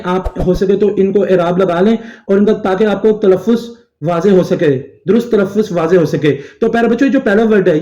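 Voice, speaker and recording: High-voiced man teaching, echoey room. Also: dark tone, lo-fi sound. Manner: addresses students as dear children, repeats phrases. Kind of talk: recorded lesson going through textbook answers.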